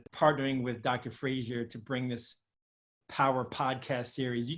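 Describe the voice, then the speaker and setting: A man speaks on a video call from his home as an interview guest. He is courteous and generous with praise for his hosts, in a conversational tone. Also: medium pitch.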